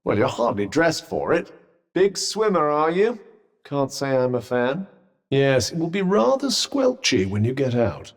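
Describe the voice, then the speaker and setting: A man's voice: medium pitch, sing-song, unhurried. A British man voicing a sentient magic cuff in a video game, a droll, haughty, fussy companion with a pompous, sardonic, wordy way of talking. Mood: dry sarcasm. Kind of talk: scripted game character banter. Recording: long reverberant echo on the voice.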